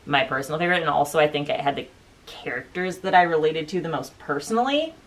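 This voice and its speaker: Woman, low pitch, casual book chat, rambling informal delivery, co-host. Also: fast. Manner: rambling, informal, frequent filler "like". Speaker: co-host of a book review show.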